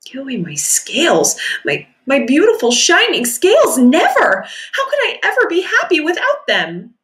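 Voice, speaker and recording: A proud, vain fish from a children's picture book, put on by a woman reader, sounds haughty and indignant. The voice sits a bit higher than her own and swings widely. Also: huge pitch swings, fairly quick, pushed and bright, full character voice. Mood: distressed.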